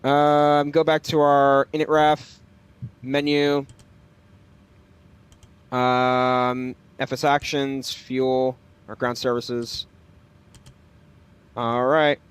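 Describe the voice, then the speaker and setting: Man, flight sim streamer, clear smooth voice, casual, hesitant, thinking aloud. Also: medium pitch, little pitch movement, very slow, long pauses. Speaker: flight simulator livestreamer. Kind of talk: casual livestream commentary with pilot radio calls.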